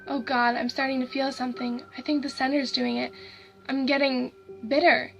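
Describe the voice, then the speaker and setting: A woman voicing a dead young boy who talks in a hushed voice, bitter and growling with hatred. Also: high voice, flat delivery, moderate pace, creaky, muffled recording, soft background music. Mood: hateful.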